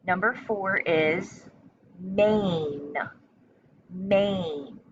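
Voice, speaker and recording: A woman teacher speaks extremely slowly in a slightly low voice, as in a spelling dictation. She enunciates with care and repeats herself in an instructional, encouraging manner. The recording is somewhat muffled and lo-fi. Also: a bit bright. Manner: deliberate, carefully enunciated, repeating words. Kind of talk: spelling test dictation lesson. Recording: muffled lo-fi sound with faint noise.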